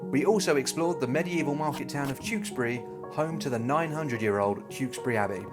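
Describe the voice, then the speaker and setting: A man's voice: mid-range voice, fast talker. Upbeat travel show host, man, over music. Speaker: travel vlog host and narrator. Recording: loud music bed behind voice. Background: guitar music.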